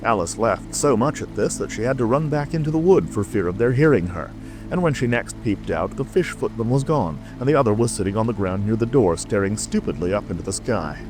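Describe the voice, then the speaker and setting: Low-pitched, expressive male storyteller. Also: brisk, over music, rough recording. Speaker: audiobook narrator. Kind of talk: scripted storybook narration.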